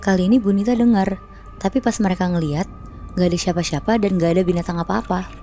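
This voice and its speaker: A woman's voice: mid-range voice, fairly even intonation, fast talker, dark tone, soft background music. A woman casually telling a horror story on a podcast, chatty and slangy, acting out sounds.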